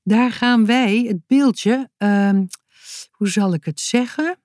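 A woman's voice: fairly high pitch, slow pace, a little mellow, dry recording, studio quality, voice pushed up. A woman voicing a kindly, hospitable grown man with a sly plan in a children's storybook, friendly and a little hesitant.

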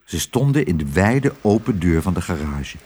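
A man's voice: low-pitched, sing-song, normal speed, a little mellow, slightly rough. A man narrating a children's storybook expressively, switching between character voices. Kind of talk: storybook reading.

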